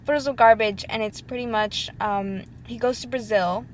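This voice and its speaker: A woman's voice: on the high side, steady tone, normal speed, a little hiss or hum. A young woman of about twenty from Ecuador, talking casually and heartfelt to her laptop webcam, rambling with many ums and likes. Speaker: vlogger. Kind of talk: casual talk to camera. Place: indoors at home, sitting at her computer. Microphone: laptop webcam mic.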